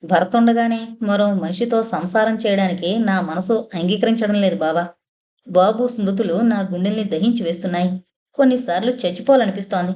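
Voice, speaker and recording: A woman's voice: medium pitch, darkish tone, natural voice. Woman reading as a young blind woman, heartbroken, pleading through tears, audiobook novel. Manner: tearful, pleading.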